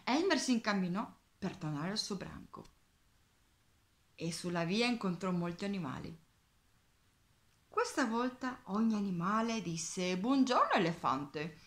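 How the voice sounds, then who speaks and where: Woman storyteller for kids, unhurried, expressive, whispers key words. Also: mid-range voice. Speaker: children's storyteller. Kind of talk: reading a picture book aloud.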